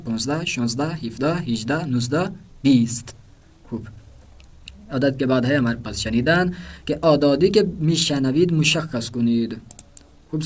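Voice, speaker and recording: A man with a slightly higher voice teaches a language lesson. He explains each word, then slowly reads lists of words aloud for the listener to repeat. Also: darkish tone.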